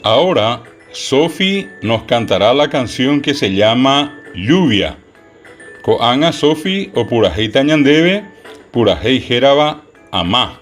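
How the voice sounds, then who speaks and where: Guy teaching kids, talks super slow, voice jumps up and down a lot, faint music behind. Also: medium pitch, very animated. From Paraguay. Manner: slow, deliberate, repeats each word clearly. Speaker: language teacher. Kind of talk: children's language lesson.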